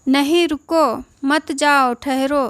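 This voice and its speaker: A woman's voice: high voice, steady tone, slow, no echo. A woman voicing a frail abandoned old village man. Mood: pleading. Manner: pleading and bewildered.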